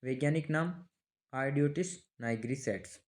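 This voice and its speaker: A male teacher giving an online exam-prep class at a mid-range pitch. He talks casually and keeps asking students quick rhetorical questions. He repeats important names and dates so they stick. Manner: chatty, asks students rhetorical questions, calls them brother.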